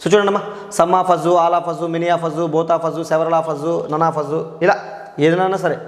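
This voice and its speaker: Echoey man teaching grammar slowly. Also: a little high, fairly even intonation. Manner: repeats key words slowly, asks the class questions. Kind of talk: grammar lesson. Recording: echoey room with long reverb.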